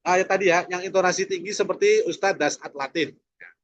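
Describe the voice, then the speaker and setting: A man's voice: high voice, quick pace. A man teaching a preacher training class online, asking rhetorical questions and tagging his sentences with "ya". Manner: rhetorical questions, frequent "ya" tags.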